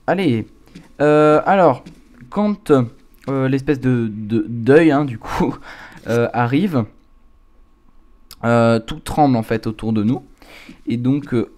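A video game streamer gives casual commentary on a horror game, reacting out loud as a scared, jumpy player. His voice is medium in pitch and slightly mellow, and the recording is clear of background noise.

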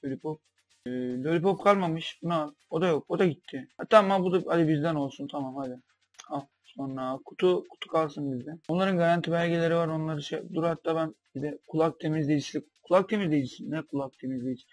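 A young man giving comedic commentary over a game, bantering in a mock-doctor way with sudden loud outbursts. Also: a little high, fast talker, no room sound, faint music behind. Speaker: gameplay commentator.

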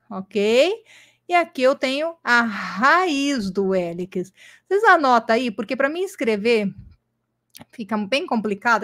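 A woman teacher giving an online lesson, speaking patiently and checking in often with her students. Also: on the high side. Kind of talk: online lesson with screen drawing.

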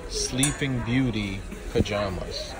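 A man's voice: on the low side, slow pace, heavy background noise. A man chatting casually during a shopping vlog, making dry, teasing side comments, picked up by a phone camera in a store. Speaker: boutique co-owner and vlog co-host. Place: indoor retail store. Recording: phone video in a store with loud music. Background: loud store background music.

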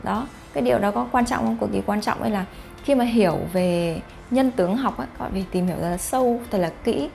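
A YouTube vlogger discusses face reading on camera at a quick pace, her mid-range voice slightly mellow with vocal fry. She talks casually to viewers, often asking rhetorical questions, over soft background music.

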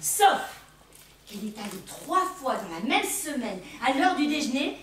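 A woman's voice: high voice, very animated, unhurried, a little hiss or hum. A woman playing a chatty, cheerful young switchboard operator in a stage comedy, gossipy and exclaiming. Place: theatre stage. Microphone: distant room mic. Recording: echoey hall from far off.

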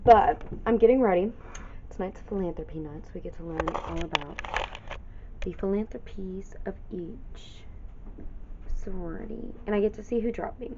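A woman's voice: mid-range voice, normal speed. A young college woman talks to her vlog in a bubbly, chatty sorority-girl style. Her delivery is casual and girly. The audio is slightly muffled, with some noise around her. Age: young adult. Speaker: student vlogger going through sorority recruitment. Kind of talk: casual video diary.

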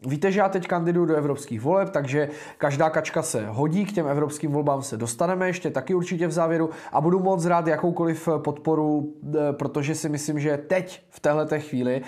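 A man's voice: fairly high pitch, a little mellow. A young man in his twenties, speaking Czech, hosting a casual political livestream in a blunt, informal way with frequent filler sounds. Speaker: livestream host and political candidate.

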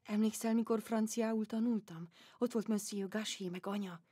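Actress doing a worn out old empress, murmury and half-whispered, dry sound. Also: female voice, mid-range voice, steady tone, husky, dry recording, close to an everyday voice. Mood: musing. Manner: soft, musing, drifting into whispers. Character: weary aging empress, aristocratic, wistful. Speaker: actress in a one-woman audio play. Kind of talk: theatrical monodrama audiobook.

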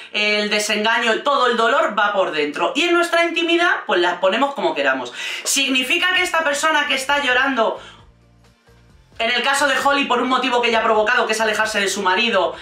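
A woman's voice: on the high side, pushed and bright, distant mic. A woman with a Spain Spanish accent giving blunt, sarcastic reaction commentary on a reality show, swearing freely. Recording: roomy sound, voice away from mic.

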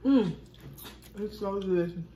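A woman's voice: mid-range voice, unhurried, mellow, roomy sound, a little hiss or hum. A woman vlogging from her dinner table, chatting to viewers and calling them "y'all". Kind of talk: casual chat.

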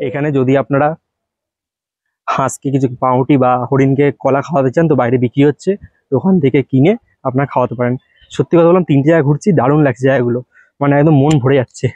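A man's voice: mid-range voice, fairly even intonation, warm tone, no echo, dull audio. A man hosting a casual travel vlog, guiding viewers chattily around temple grounds as he walks. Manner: rapid chatty guiding, addresses viewers directly. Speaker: travel vlogger host.

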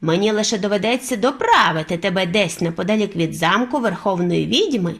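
A steady, knowing old grandmother, as a woman plays her in a children's audiobook, slower and a touch lower than the narration. She explains things unhurriedly while the voice still moves with lively inflection. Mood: determined. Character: calm, determined elderly grandmother.

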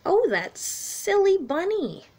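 In a small room at home, a children's teacher in her thirties reads a picture book aloud to young children. Her voice is very high-pitched and she takes it slowly, reading expressively and offering simple explanations for the little ones.

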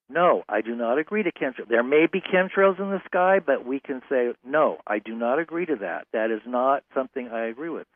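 A man hosting a casual interview, speaking haltingly with many fillers. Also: mid-range voice, no room sound. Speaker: radio host. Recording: tinny phone-like radio line, dry.

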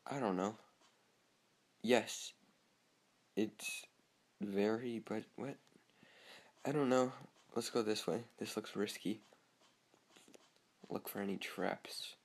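A man's voice: lowish voice, slow pace, creaky, pauses often. A young man giving casual, chatty commentary over his own gameplay, talking to himself and easily startled. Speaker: gamer.

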